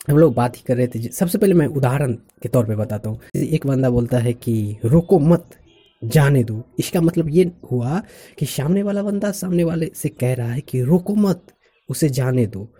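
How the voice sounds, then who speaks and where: A man's voice: medium pitch, expressive, normal speed, mellow. A man talking casually to his viewers, explaining a point with spoken examples and laughing now and then. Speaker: vlogger.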